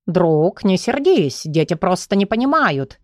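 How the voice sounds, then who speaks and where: A woman's voice: on the low side, sing-song, a little slow, darkish tone, dry recording, studio quality. A woman reading an audiobook and voicing a small, purring, fussy creature professor. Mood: placating.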